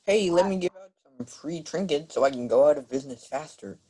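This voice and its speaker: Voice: medium pitch, expressive, brisk, dark tone, slightly rough, rough recording. A player in a tabletop role-playing game chatting casually in a joking, wisecracking way. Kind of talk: casual chat.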